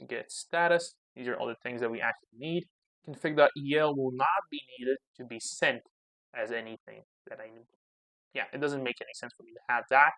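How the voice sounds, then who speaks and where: A man's voice: mid-range voice, a little fast, a bit bright, no room sound. Guy muttering thru his code setup on a screencast, dry close mic, mid voice. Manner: thinks aloud while typing, mutters commands. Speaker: channel host. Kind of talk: casual coding screencast commentary.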